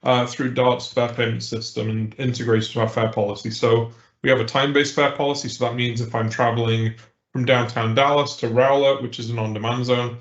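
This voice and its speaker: A man's voice: mid-range voice, flat delivery, brisk. Male presenter, businesslike, on a glitchy, cutting-out video call with an echoey, muffled line. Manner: businesslike with filler uhs and restarts. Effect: glitchy, cutting-out call audio. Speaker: transit agency presenter. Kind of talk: meeting update over a call. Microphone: remote video call. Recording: dull, echoey remote call audio.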